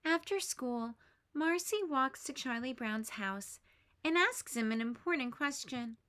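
Reading a picture book to children, a teacher keeps a measured pace and an expressive manner. Her voice rises in pitch for each character's spoken lines.

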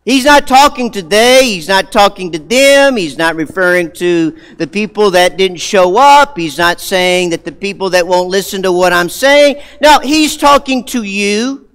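A man preaching a sermon in a church, emphatic, repeating key words and moving between loud and hushed delivery. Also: high-pitched, animated, measured pace, clean tone. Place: church sanctuary. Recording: long hall reverb.

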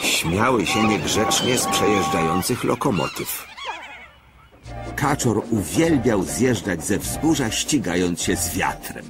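A man giving scripted, expressive storybook narration for a children's cartoon. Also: lowish voice, unhurried. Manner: expressive, animated reading. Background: background music.

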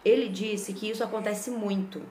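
A woman's voice: mid-range voice, normal speed, roomy sound, a little hiss or hum. Chatty Brazilian mother telling a story. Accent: Brazilian Portuguese. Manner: chatty, lively, frequent "né?" tag questions. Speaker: vlogger. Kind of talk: casual storytelling vlog.

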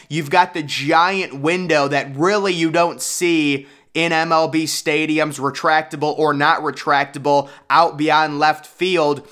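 A man's voice: on the high side, fairly bright tone. A young man giving casual, opinionated commentary in a voice-over, enthusiastic and conversational. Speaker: YouTube sports commentator.

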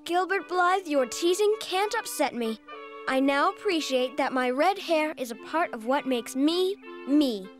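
Dramatic little cartoon girl, high voice, flowery and earnest, music under it. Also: animated, a little slow. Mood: polite, proud. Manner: flowery, formal, theatrical wording. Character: dreamy, dramatic, earnest young red-haired girl. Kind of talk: animated series voice acting. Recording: music behind the voice.

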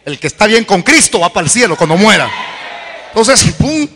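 A man preaching an evangelical sermon, fervent and repetitive, rising to shouted peaks. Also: high-pitched, animated, fast talker, long reverb tail, slight background noise. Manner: fervent, swings to shouted peaks, repeats calls to convert.

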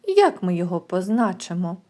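A woman kindergarten teacher giving a recorded lesson to young children, sounding out words slowly and clearly. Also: on the low side, big pitch swings, mellow.

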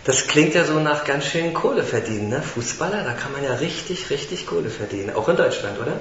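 A man's voice: fairly high pitch, animated, fairly quick, highs cut off. Playful male interviewer, echoey room. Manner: playful, laughs often. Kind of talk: mock casting show interview. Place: small room indoors. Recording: echoey room, faint hiss.

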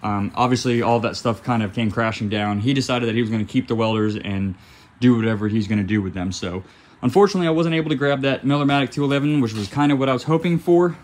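A man's voice: medium pitch, fast, darkish tone. A young man chatting casually while unboxing and setting up a welder in his garage workshop. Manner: chatty, loose, talks while working with his hands. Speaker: welding hobbyist vlogger. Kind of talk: casual unboxing and how-to talk. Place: garage workshop with concrete floor. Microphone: phone camera held or propped nearby.

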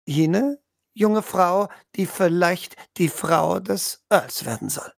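A woman's voice: on the low side, takes it slowly, creaky. A woman narrating a tabletop role-play as game master, describing scenes with small hesitations.

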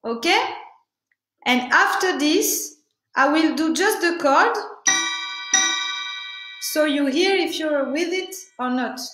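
A high, bright woman's voice, speaking slowly and pausing often to find her words as she teaches singing. She demonstrates points by singing syllables. The sound is echoey, with a faint piano behind her. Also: animated. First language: French. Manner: halting, searching for words, demonstrates with sung syllables. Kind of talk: online singing workshop.

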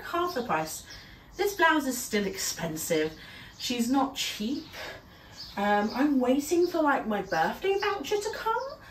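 A young British fashion vlogger with a stuffy nose from a cold chats casually with lots of ums and little laughs while trying on clothes in a small room at home. Her voice is mid-range, and the camera across the room picks it up with a roomy echo, a little far from the mic, with slight background noise.

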